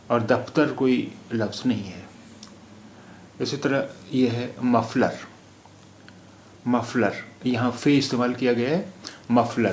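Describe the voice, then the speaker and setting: A man gives a phonetics lesson at a deliberate, unhurried pace, saying each word several times over. His mid-range voice rings in an echoey room with a faint hiss behind it. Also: medium pitch, a little mellow. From India. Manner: slow, repeats words for drill. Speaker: Urdu teacher.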